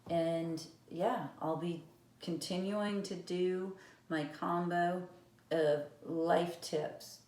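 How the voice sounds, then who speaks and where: A woman with a low, slightly mellow voice vlogs about knitting in rambling, casual chat full of fillers. She's in an echoey room where an eighties vinyl record plays behind her.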